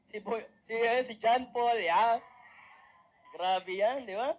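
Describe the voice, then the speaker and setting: A young man, a mentor and motivational speaker, gives an animated talk to a live audience from a stage. He acts out quotes as he tells stories and keeps asking the crowd "di ba?". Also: extremely high pitch, takes it slowly. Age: young adult. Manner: animated storytelling, acting out quotes; peppers lines with rhetorical "di ba?".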